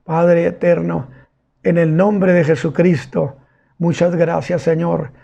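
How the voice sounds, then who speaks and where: A male pastor preaching a sermon and retelling a scripture story vividly and deliberately. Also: fairly high pitch, little pitch movement, vocal fry, dark tone, dull audio.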